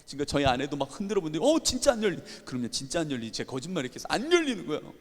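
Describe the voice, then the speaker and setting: A man delivering a sermon, his voice sitting a little high and rising and falling dramatically as he acts out his anger and his tears. The sound carries through a church sanctuary with a long, ringing reverb. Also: racing. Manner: animated storytelling, acting out his own anger and tears. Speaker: pastor.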